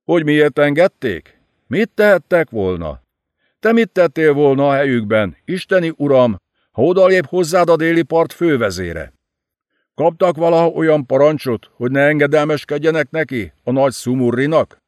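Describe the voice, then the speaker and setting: A man's voice: a little high, expressive, darkish tone, no room sound, studio quality, pitched above the performer's own voice, lightly acted. A man voicing an anguished warrior servant who speaks bitterly and urgently, his voice raised and pleading.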